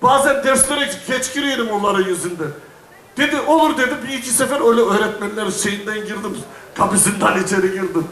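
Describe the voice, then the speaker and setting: A middle-aged man from Istanbul talks to a crowd from the stage, with a notably high voice. He is chatty and jokes at his own expense. The sound is echoey and distant, as if picked up from far across the venue. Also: brisk, a bit bright. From Istanbul, Turkey. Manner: chatty, joking storyteller who laughs at himself. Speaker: folk singer on stage. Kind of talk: casual stage chat to an audience. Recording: echoey venue, voice heard from afar.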